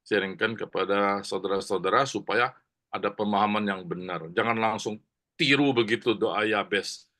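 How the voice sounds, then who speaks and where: Chatty preacher with a bright voice. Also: male voice, on the low side, moderate pace. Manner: conversational storytelling, many fillers and asides to the congregation. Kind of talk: sermon. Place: church.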